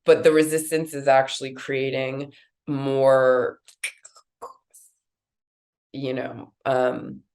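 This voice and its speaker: Low nasal woman leading a card reading. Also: little pitch movement, takes it slowly, vocal fry, pauses often, darkish tone. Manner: casual, rambling, many fillers. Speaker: card reader. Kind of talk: guided intuitive card reading.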